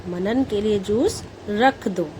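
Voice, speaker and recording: Woman slowly reading a school lesson, says each word twice, faint hiss behind. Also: mid-range voice, rough recording. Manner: slow, even, careful pronunciation drills. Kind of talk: scripted lesson narration.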